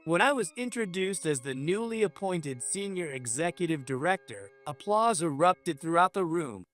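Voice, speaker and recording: A man narrating a scripted first-person story in an even, measured way. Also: fairly high pitch, faint music behind.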